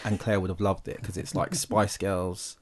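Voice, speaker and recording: Brief: male podcast host, slightly low voice, chatty and rambling, trips over words. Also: level tone, normal speed. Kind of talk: casual chat.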